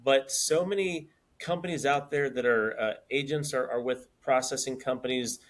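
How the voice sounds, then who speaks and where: A man in his fifties co-hosts a podcast, speaking earnestly in a casual chat and repeating words as he builds his points. His voice is mid-range and his pace normal.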